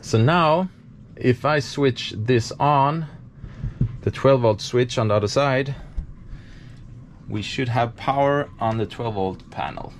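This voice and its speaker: A man in his thirties from Sweden, casually explaining boat work in a relaxed vlog, with frequent fillers, recorded by a camera close above him in a cramped boat compartment. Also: mid-range voice, slow pace, pauses often, a little hiss or hum. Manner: relaxed, thinking aloud with many fillers. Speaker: sailing vlogger.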